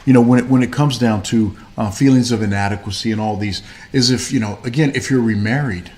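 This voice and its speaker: A man's voice: mid-range voice, a little fast, a little mellow. Man, faith podcast co-host, rambling, lots of fillers. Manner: rambling, many fillers and restarts. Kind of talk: casual faith-based chat.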